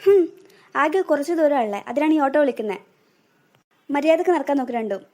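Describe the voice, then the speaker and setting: A woman's voice: high voice, animated, brisk, darkish tone. A woman voicing a scheming, cruel stepmother in a cartoon, bossy and scolding with sly asides. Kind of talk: cartoon voice acting.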